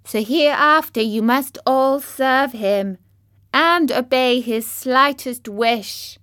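A woman voicing a tiny, proud female mouse queen in a squeaky, high voice. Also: a bit bright, no echo, clean studio sound. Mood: commanding. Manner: high, slow and indignant.

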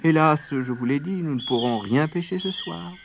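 A man voicing a mischievous little male rabbit trickster in a storybook, teasing and excitable. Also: on the high side, moderate pace, gravelly, slight background noise, pitched above the performer's own voice. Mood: sly.

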